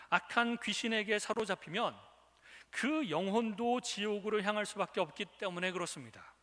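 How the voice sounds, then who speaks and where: Man, pastor, preaching a sermon, forceful bright tone, long church reverb. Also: high-pitched. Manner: retells scripture with acted quotes. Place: church sanctuary.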